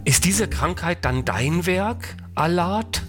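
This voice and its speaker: A man's voice: high voice, expressive, slow, voice pushed up. A man reading the quoted words of a dying male prophet in a solemn, murmured voice. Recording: music playing behind.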